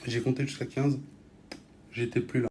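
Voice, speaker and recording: Jeune Français au parler cru, son bruité. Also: male voice, mid-range voice, flat delivery, normal speed, warm tone, a little hiss or hum. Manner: offhand, blunt, swearing. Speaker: vlogger filming stories for followers. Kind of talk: casual chat to camera, slangy.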